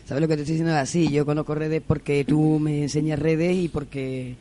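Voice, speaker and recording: Lively male radio host. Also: fairly high pitch, fairly quick. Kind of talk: casual chat.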